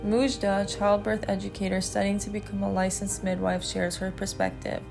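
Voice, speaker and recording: A woman reading scripted advocacy narration, laying out statistics in a measured way. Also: medium pitch, level tone, darkish tone. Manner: measured, statistic-heavy delivery. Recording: narration over clear music bed. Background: music.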